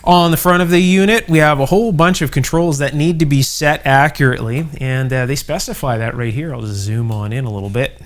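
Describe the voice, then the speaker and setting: With a mid-range voice that moves fairly quickly and rarely pauses, this middle-aged host of an electronics restoration channel chats enthusiastically through an informal video. He's explaining things from inside his electronics workshop.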